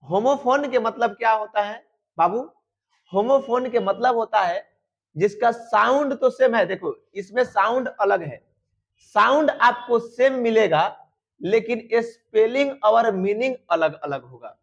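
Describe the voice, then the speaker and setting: A man's voice: very high voice, lively intonation, measured pace. A man teaching an exam-prep grammar lesson, repeatedly asking his students questions and answering them himself. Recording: dull lo-fi sound.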